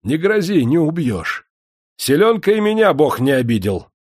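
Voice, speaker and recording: A man's voice: medium pitch, animated, a little slow, darkish tone, voice pushed up. A man voicing a cruel, stern male master who threatens chained prisoners with a harsh, commanding voice. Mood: menacing.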